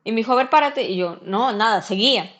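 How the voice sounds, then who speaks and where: A young woman sits in as a podcast guest and talks about her own experience in a casual, lively way. Her voice sits a little high. She acts out the dialogue of the people in her story. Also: quick pace. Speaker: podcast guest, first-time mother.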